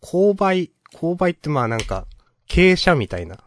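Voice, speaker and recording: A man's voice: a little high, sing-song, measured pace, slight background noise. A man co-hosting a podcast, telling stories in rambling casual chat with many fillers and chuckles. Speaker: podcast co-host.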